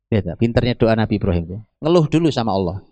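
A man's voice: fairly low pitch, racing, dry recording. Emphatic male preacher, dry close sound. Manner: animated, emphatic, often addresses listeners directly. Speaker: Islamic preacher. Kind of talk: sermon.

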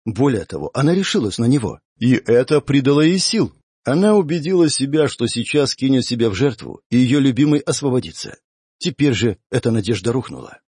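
Husky man reading an audiobook. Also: medium pitch, brisk, no echo, clean studio sound. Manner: expressive storytelling reading. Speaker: audiobook narrator. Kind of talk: first-person audiobook narration.

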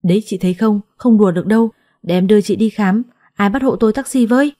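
A woman voicing a sharp-tongued young woman who scolds bluntly and protects her older sister in a told story. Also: mid-range voice, steady tone, fast, close to an everyday voice. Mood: alarmed.

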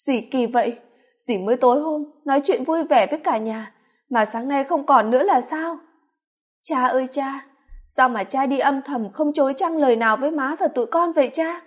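A woman's voice: moderate pace, lightly acted. A woman voicing a grieving adult daughter who cries out in shock. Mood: wailing. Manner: wailing, high and loud.

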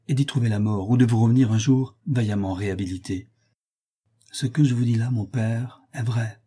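A man's voice: medium pitch, warm tone, husky, lightly acted. A man reading the part of a young viscount who pleads with his father and then schemes aloud. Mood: pleading.

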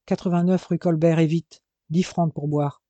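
A man's voice: a little high, level tone, normal speed, mellow, no echo, muffled recording, lightly acted. A man reading a storybook who plays a furious, scheming adventurer urging on his accomplice. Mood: commanding. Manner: urgent, growling.

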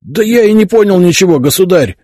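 A man voicing a wounded young soldier who speaks hoarsely, in an audiobook. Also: high voice, expressive, a little fast, a little mellow, no room sound, studio quality, pitched above the performer's own voice. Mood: pained. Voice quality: hoarse, strained.

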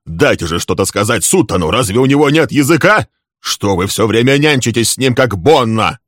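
A man voicing a hot-tempered young man who shouts accusations at a rival in a storybook reading. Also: low-pitched, expressive, moderate pace, no echo, studio quality, heavily acted. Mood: furious.

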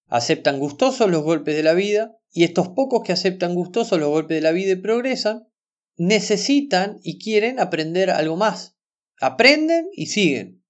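A man voicing a calm, wise wealthy businessman who lectures a boy. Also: sits high, normal speed, highs cut off, voice pushed up. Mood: lecturing.

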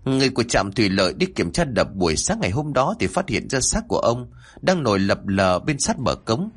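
A man narrates a ghost story in a scripted, dramatic delivery. His voice is husky, and his pitch moves a lot as he shapes each line. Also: sing-song, brisk. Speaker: horror storyteller.

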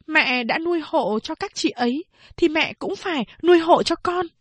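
A woman's voice: high voice, lively intonation, normal speed, no room sound, pitched above the performer's own voice. A woman voicing a hot-tempered young woman who argues back hard at her mother and sister. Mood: pleading defiant. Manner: defiant, scolding. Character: sharp-tempered young woman, quick to slap.

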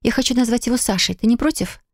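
A woman's voice: fairly high pitch, quick pace, no echo, studio quality, pitched above the performer's own voice. A woman reading an audiobook, voicing a young woman who has just given birth, emotional, tearful and apologetic. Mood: tender.

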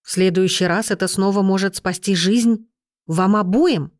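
Reader putting on a patient young guy healer, firm and calm, dry studio read. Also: high voice, moderate pace, dry recording, close to an everyday voice. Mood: stern. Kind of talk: audiobook character voice.

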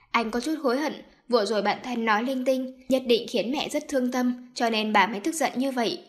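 Woman narrating a story. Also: fairly high pitch.

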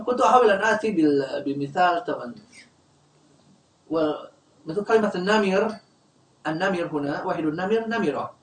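A man teaching an Arabic grammar class, quizzing the students and leaving words unfinished for them to complete. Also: fairly high pitch. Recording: echoey room, distant mic.

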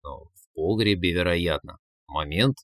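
A man voicing Koschei, a sly, lazy male villain who drawls his lines low and slow. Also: a bit bright, dry recording, studio quality.

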